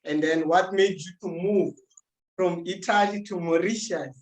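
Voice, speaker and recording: Brief: male podcast host, high-pitched, enthusiastic, casual. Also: fairly even intonation, a little slow, rough recording.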